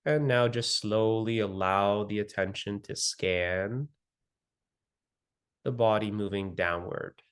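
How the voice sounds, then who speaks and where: A man with a smooth, lowish voice acts as the guide for a meditation, speaking gently and soothingly and pausing at length between phrases.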